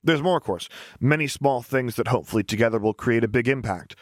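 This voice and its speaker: A man's voice: mid-range voice, quick pace, no room sound, studio quality, natural voice. A man voicing a cheerful, boyish young male engineer who talks in an upbeat, earnest way.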